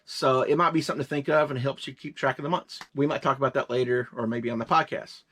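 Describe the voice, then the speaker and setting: Casting note: man, fifties, co-host of a reselling show, quick and rambling, jokes a lot, casual delivery. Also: mid-range voice, steady tone, a bit bright, slightly rough. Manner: rambling, joking, quick-talking. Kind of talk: casual chat.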